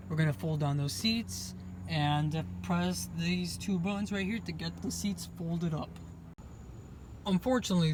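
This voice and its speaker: Male car reviewer with a high voice, filmed on his own handheld phone outdoors, faint background hiss, chatty and keen. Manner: chatty, enthusiastic, pointing things out. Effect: phone video recording. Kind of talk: casual walk-around car review. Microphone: phone camera held in hand.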